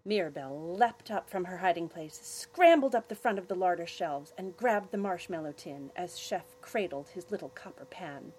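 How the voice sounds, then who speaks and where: Breathy, lively woman reading a story. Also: lowish voice, moderate pace, few pauses, rough recording. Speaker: podcast host and narrator. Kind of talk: scripted storybook narration.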